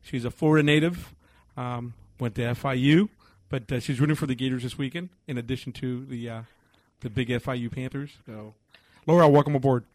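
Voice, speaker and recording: A man's voice: medium pitch, a little fast, dry recording. A man with a Spanish accent co-hosting a radio talk show, asking questions with many hesitations. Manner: hesitant, many uhs, friendly. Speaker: radio co-host.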